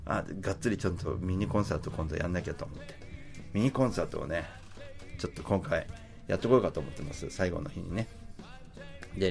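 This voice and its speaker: A man's voice: low-pitched, gravelly, darkish tone. A middle-aged man, a musician, telling a travel story in a chatty, casual way, with many fillers and acted-out quotes.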